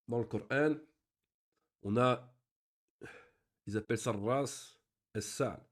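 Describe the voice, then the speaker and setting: A patient male teacher leads a beginners' class in Arabic reading. He sounds out example phrases slowly, then breaks each rule down calmly, step by step. His voice sits at an ordinary middle pitch. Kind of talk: online Arabic reading lesson.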